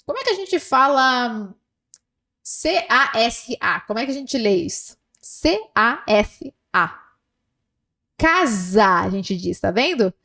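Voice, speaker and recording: A woman teaching Spanish pronunciation, slow and patient, repeating words for learners to echo. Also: on the high side, big pitch swings, bright, forceful tone. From South America. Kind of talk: language lesson with pronunciation drills.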